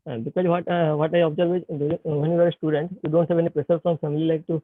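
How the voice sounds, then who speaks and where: A man's voice: fairly high pitch, level tone, very fast, dry recording. A young man in his twenties with an Indian accent speaks to students over a bad video-call connection, hesitant and full of fillers. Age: 20s. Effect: bad connection on a video call, voice breaking. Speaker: guest speaker, startup founder. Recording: tinny lo-fi call line, dry.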